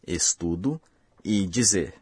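A man hosting a language course, giving slow, careful, scripted explanations. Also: low voice, lively intonation, darkish tone, breathy edge, no room sound, studio quality. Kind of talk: scripted lesson narration.

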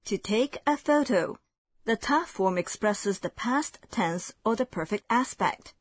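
Husky-voiced woman hosting a language lesson. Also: medium pitch, lively intonation. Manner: clear, measured explanations. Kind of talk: scripted lesson narration.

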